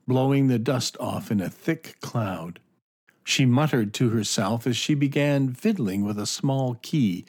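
A man narrates a scripted children's adventure story in a measured, dramatic way. His voice is medium in pitch and somewhat dark in tone, and clear background music plays beneath the narration.

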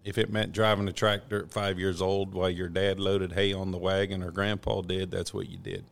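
A low, gravelly man's voice, easygoing and self-deprecating. He is a podcast guest who hauls sheds and grew up in northern Missouri, recounting stories in a hotel room. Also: a little fast. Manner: relaxed, self-deprecating storyteller. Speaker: podcast guest, shed hauler. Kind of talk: casual storytelling.

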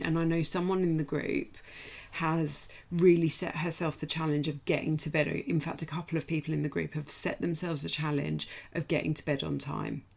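A middle-aged woman with a British accent, croaky today, coaching a group through a morning routine in a direct, encouraging way. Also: deep voice, darkish tone. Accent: British English. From United Kingdom. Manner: direct and encouraging, checks in with "okay?". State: croaky, clearing her throat. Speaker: coach leading a group challenge. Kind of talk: casual live coaching talk.

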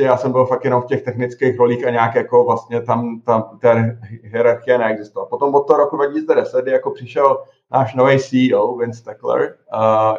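Hesitant Czech-speaking man in a flat monotone. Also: mid-range voice. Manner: hesitant, many fillers and restarts. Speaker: tech executive guest. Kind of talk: casual interview talk. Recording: dull, roomy recording.

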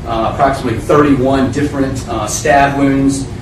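A male prosecutor giving a halting, factual official statement at a hearing. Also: medium pitch, steady tone. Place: bond hearing, indoors. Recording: very echoey, distant, noisy hearing room recording.

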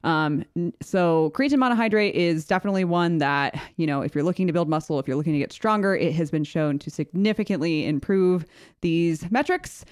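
A young woman co-hosts a fitness podcast with a laid-back, self-mocking way of talking. Her voice sits a little low, and the recording sounds dry and close. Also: a little fast, a little mellow, smooth, no room sound. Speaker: podcast co-host, fitness coach. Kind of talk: casual chat.

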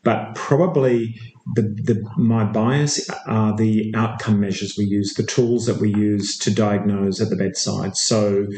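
Low-voiced man in an echoey room. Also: steady tone, darkish tone, slight background noise. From Australia. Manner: measured, explanatory, with frequent fillers. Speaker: intensive care physiotherapist and researcher. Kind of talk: interview guest.

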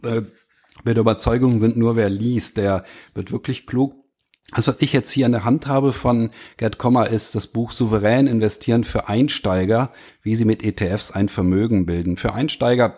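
A man's voice: fairly low pitch, darkish tone, slightly rough. A man hosting a podcast, chatting enthusiastically about a book recommendation. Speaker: podcast host. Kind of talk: casual podcast talk.

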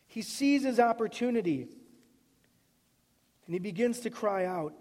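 A man preaching a sermon as a pastor, emphatic and repetitive, swinging between loud cries and soft, hushed lines. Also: high voice, expressive, a little slow. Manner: emphatic, repeats words, builds to loud cries then drops soft. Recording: long reverb of a hall.

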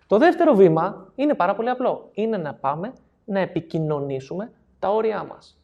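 A man's voice: high voice, animated, gravelly, darkish tone, lo-fi sound. A man coaching an audience in a seminar talk, explaining step by step, repeating key phrases and checking that listeners follow. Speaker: NLP coach.

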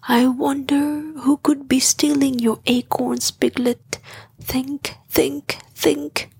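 A woman voicing a gentle, slow-thinking male bear in a storybook, speaking softly. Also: high-pitched, little pitch movement, gravelly, dry recording, full character voice. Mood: pondering. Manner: soft and gentle.

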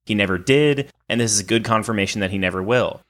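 A man's voice: on the low side, quick pace, a bit bright. A man co-hosting a casual political chat, tossing out sarcastic one-liners and crude jokes.

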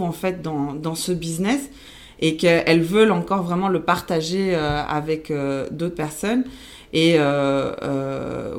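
A young woman from Argentina whose first language is Spanish, talking in an interview with many hesitations and restarts. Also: sits low. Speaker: senior account manager. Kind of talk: casual interview.

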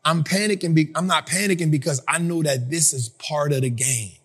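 Bright-voiced man, animated in a hall. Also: a little high, a little fast, breathy edge. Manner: animated storyteller who acts out other people. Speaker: finance speaker and host. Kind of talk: casual talk to a live audience. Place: event venue with an audience.

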